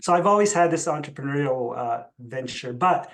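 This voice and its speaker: This Filipino chief executive, middle-aged and a Tagalog speaker, shares his personal story in a relaxed interview. His mid-range, gravelly voice has lively intonation and a moderate pace.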